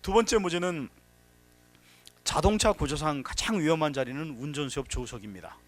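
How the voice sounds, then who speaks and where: A man's voice: fairly high pitch, lively intonation, a little fast, soft background music. A man giving a workshop lecture on safety, telling anecdotes, acting out quotes and giving emphatic warnings. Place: workshop hall.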